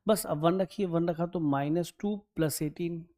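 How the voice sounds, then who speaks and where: A male maths teacher works through an exam problem out loud, muttering and humming as he checks his sums. He talks to his students directly and often asks them to confirm each step. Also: fairly high pitch, measured pace. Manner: thinks aloud while calculating, humming and checking numbers; chatty, addresses students directly and keeps asking "right?".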